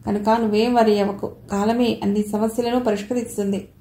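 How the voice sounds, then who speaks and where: A woman reading the part of a kindly, nostalgic elderly man who speaks fondly and gently, in a roomy-sounding recording. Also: mid-range voice, little pitch movement, brisk, a little hiss or hum, close to an everyday voice. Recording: roomy echo.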